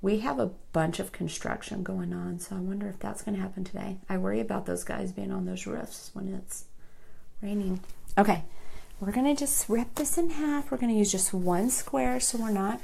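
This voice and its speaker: A woman's voice: mid-range voice, steady tone, moderate pace, gravelly, mellow, husky. A woman hosting a casual makeup tutorial live stream, chatting with her viewers by name as she works. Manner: chatty, talks to viewers by name while working.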